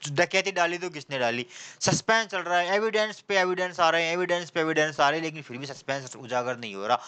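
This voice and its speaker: A man teaching an exam-prep class, lively and questioning, who keeps asking his students questions and answers them himself, reading English examples slowly. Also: high-pitched, clean tone. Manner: mixes casual slang with slow, drawn-out English example sentences. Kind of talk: classroom lecture.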